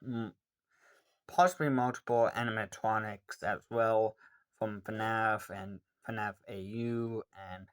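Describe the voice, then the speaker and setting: Teen guy rambling through a q&a, slow and kinda low voice, lots of ums. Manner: rambling, hesitant, many ums. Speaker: vlogger answering questions. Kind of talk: casual Q&A monologue.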